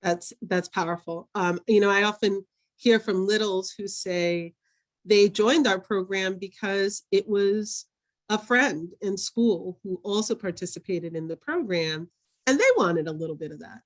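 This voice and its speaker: A woman's voice: mid-range voice, measured pace. A woman moderating a virtual panel over a video call, encouraging and asking follow-up questions.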